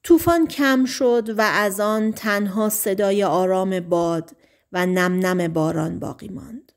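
A woman narrating a recorded novel at a middle pitch. She reads in a calm, even manner. Her delivery is steady and unhurried. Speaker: audiobook narrator. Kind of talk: scripted audiobook narration.

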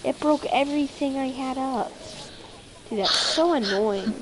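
A woman's voice: sits high, a little slow, noisy background. A woman in casual gaming voice chat on a headset, swearing and complaining in exasperated trash talk. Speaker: gamer.

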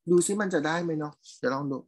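Speaking very fast in a low, slightly mellow voice, a woman teacher demonstrates code in a live lesson. She thinks aloud, chats with her student by name, and confirms they understand as she goes.

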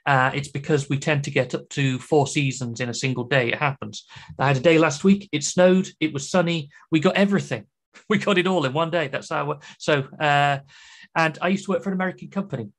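This British man, a conference speaker, talks about programming in a chatty, enthusiastic way, tossing in joking asides. His voice is a little high and his delivery brisk.

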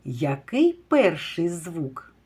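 A kindergarten teacher leads a phonics lesson for young children, sounding out words slowly and asking questions. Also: female voice, lowish voice, very animated, mellow, breathy edge. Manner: slow, drawn-out word sounding with praise and questions.

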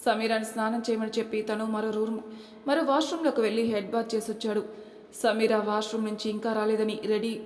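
Even-voiced woman narrating a story. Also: on the high side, fairly quick. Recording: echoey room with long reverb.

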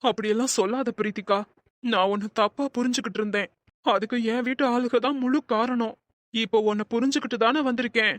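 A woman voicing a remorseful young husband in an animated cartoon, talking in an earnest, pleading way. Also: a little high, fairly quick, no echo, lightly acted.

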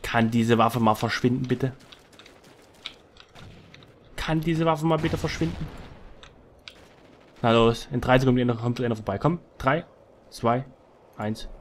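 A man giving excitable live commentary over his own gameplay into a headset microphone, calling out wins and losses. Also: medium pitch, a little slow, long pauses, a little hiss or hum. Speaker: gaming commentator.

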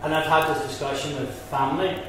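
Belfast man, emphatic guide, slightly higher voice, echoey far-off recording. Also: level tone, a little fast. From Northern Ireland. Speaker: Freemason guide. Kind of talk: casual explanatory chat. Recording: echoey hall from far off, with background noise.

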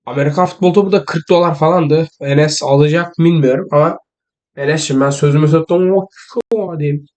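A man's voice: fairly high pitch, fairly even intonation, fairly quick, darkish tone. A teenage boy chatting casually to camera in a joking, teasing, rambling way. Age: teens. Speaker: vlogger.

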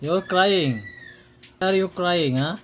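A woman in casual chat at home during a meal, gently coaxing and teasing a child with repeated questions. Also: lowish voice, slow pace. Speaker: vlogger.

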